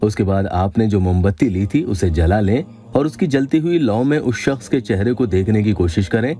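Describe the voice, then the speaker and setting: A man giving scripted voice-over narration of religious instruction, calm and measured, reciting Arabic verses slowly. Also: lowish voice. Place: voice-over studio.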